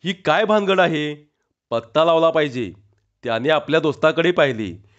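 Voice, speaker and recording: A man reading a humorous short story aloud with expressive, lively narration. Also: a little high, normal speed. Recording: dull lo-fi recording.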